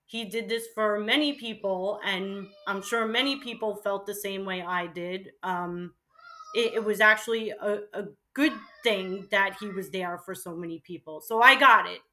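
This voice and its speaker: A middle-aged woman, once a college radio host, reminisces as an interview guest in a medium-pitched voice at a moderate pace. She's animated and emphatic, sprinkling "like" all through her casual speech.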